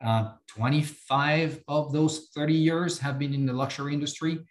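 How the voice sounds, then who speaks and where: Interviewed on a podcast, this company chief executive is a Frenchman in his fifties with a French accent. He speaks in a fairly high, steady voice that sounds reverberant, stumbling through many fillers and repeated words.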